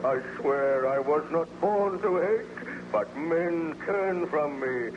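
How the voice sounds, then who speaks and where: A man's voice: fairly high pitch, expressive, slow. An actor playing a wounded, remorseful monster in declamatory, formal 1930s radio style, bitter and grieving for his creator. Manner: declamatory, anguished, archaic formal speech. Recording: noisy, muffled old-time radio recording.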